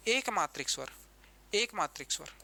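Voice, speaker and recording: A man's voice: sits high, lively intonation, normal speed, creaky, pushed and bright. A man teaching an exam-prep grammar lesson, who repeats key terms and keeps asking the class questions.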